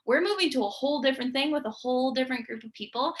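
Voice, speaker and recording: A woman's voice: high-pitched, racing, slight background noise. A young woman giving an earnest, emphatic motivational talk to her sales team. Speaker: team leader.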